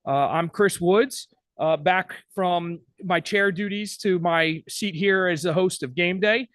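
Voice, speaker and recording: A man hosting a live conference interview, relaxed and joking with frequent hesitations. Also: high-pitched, slow, no room sound. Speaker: host.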